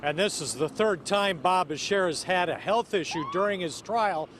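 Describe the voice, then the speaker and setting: Male American TV reporter, high register, live outdoor news delivery over faint city noise. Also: moderate pace, a bit bright. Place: outdoors downtown, live shot.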